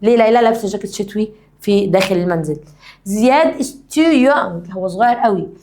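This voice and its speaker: A woman with an Egyptian Arabic accent, an English teacher giving a classroom grammar lesson, explaining briskly and reading example sentences slowly and deliberately. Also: medium pitch, expressive, a little mellow, slight background noise.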